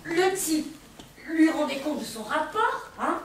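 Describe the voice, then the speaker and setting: Actress playing a high-voiced, gossipy switchboard girl on stage, echoey hall, distant mic. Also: slow, noisy background, heavily acted. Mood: chatty. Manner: gossipy, exclaiming, animated. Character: chatty cheerful young woman switchboard operator. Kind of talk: amateur stage comedy. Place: theatre stage. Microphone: distant room mic.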